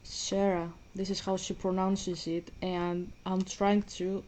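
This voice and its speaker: A woman's voice: lowish voice, level tone, measured pace, a little mellow. A woman with a Greek accent chatting casually as she plays a game, rambling and restarting her sentences. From Greece. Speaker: vlogger. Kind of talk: casual gaming commentary.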